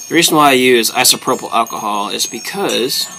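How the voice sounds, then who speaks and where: A man casually talking through a hands-on demonstration step by step, in terse, short phrases with pauses between them. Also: mid-range voice, lively intonation, creaky, bright, forceful tone, faint music behind. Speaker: host of a pipe hobby video series.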